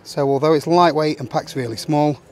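A man in his forties calmly talking through a camping setup, step by step, in an open meadow outdoors. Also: fairly high pitch, normal speed, a little hiss or hum. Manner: plain, matter-of-fact instructional talk. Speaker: outdoor gear vlogger.

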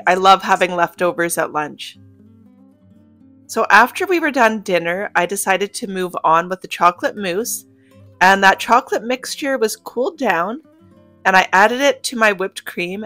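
A woman narrates a homemaking cooking vlog. Her voice sits at an ordinary middle pitch, and she talks to viewers in a cheerful, chatty way. Soft guitar music plays faintly underneath. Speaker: homemaking vlogger. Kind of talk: cook-with-me voice-over narration.

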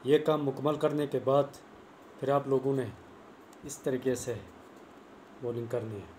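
This casual spoken tutorial has a young male cricket coach vlogger explaining bowling in a plain, repetitive, earnest manner. His mid-range, darkish voice keeps fairly even intonation at a measured pace. He's in a small room on a clip-on lapel mic with the phone camera close, and a little hiss or hum comes through.

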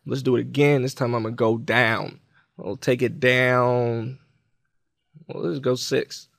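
A tutorial presenter talks through software informally, describing every step along the way. His mid-pitched voice has little pitch movement and some vocal fry, and he goes a little slowly. The close voice-over is dry, with very little room sound.

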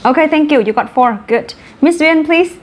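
A woman with a Vietnamese accent teaching English vocabulary in an online class, brisk and encouraging, mixing Vietnamese and English. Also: high voice.

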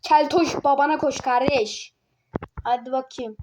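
Excitable high-voiced woman gaming commentator. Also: unhurried, noisy background. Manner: excitable, yelps and mutters to self while playing; teasing, trash-talking other players. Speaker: gaming video creator. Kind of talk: casual gameplay commentary.

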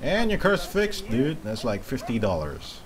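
Here the Malaysian gaming host's medium-pitched voice swoops wildly up and down while keeping a measured pace, as he jokes, swears and laughs through casual let's-play commentary. The background is noisy, with game music and vehicle sounds sitting clearly beneath his speech.

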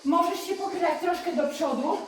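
A female fitness instructor coaching a live workout, counting reps and giving brisk, encouraging cues while she exercises, sometimes short of breath. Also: very high-pitched, slight background noise. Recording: echoey room, voice from a distance, music behind.

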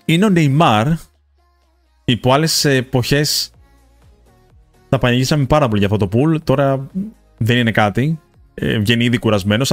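A young man from Greece commentating a football game pack opening, rattling through card ratings with excited bursts at big pulls. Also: mid-range voice, dry recording. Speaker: gaming YouTuber.

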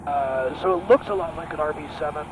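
A middle-aged male pilot with a slightly raised pitch explains the plane with enthusiasm and at a measured pace. He speaks through a headset boom mic in a small cockpit in flight, while a loud engine drone sits clearly behind him. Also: noisy background. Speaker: aircraft company pilot. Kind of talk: casual cockpit conversation.

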